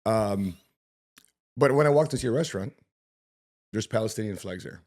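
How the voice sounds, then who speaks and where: Raised in Chicago, this male podcast host has a lowish, slightly mellow voice with lively intonation at a normal speed. In a casual interview, he frequently stumbles into restarts while asking questions and laughs often.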